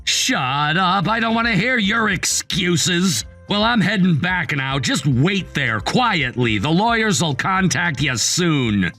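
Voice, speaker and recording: A man's voice: sits high, sing-song, slow pace, hardly any pauses, pushed and bright, soft background music, full character voice. A man voicing a betrayed young husband in a dramatized text story, curt and icy. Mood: cold.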